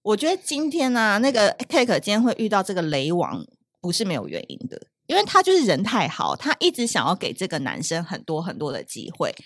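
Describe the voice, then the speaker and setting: Woman podcast host, Taiwanese Mandarin accent, animated, quick, dry close sound. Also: medium pitch, no echo. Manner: animated, reacts loudly with exclamations. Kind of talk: casual chat.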